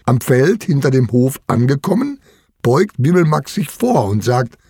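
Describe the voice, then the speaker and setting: A middle-aged man narrating a children's farm story in an expressive storytelling manner. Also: measured pace, creaky, husky, no echo, studio quality. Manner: expressive, sweeping pitch.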